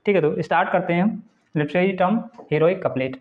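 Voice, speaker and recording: A man with a fairly high voice teaches an exam-focused lesson. He reads each definition slowly, then breaks it down point by point. The recording sounds muffled and lo-fi. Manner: slow, deliberate reading of English definitions, then explaining them point by point. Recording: dull lo-fi recording.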